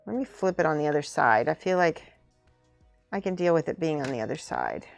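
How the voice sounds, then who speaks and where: Lower-pitched woman chatting over music. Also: animated, a little fast, gravelly. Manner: informal, thinking aloud, muttering to herself. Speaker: streamer building and painting miniature models. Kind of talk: casual live-stream chat while crafting.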